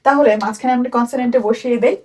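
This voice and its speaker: A woman with a Bangladeshi Bengali accent teaching a children's phonics lesson and repeating each sound slowly for the children to copy. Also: high voice, fairly even intonation, a little mellow, far from the mic.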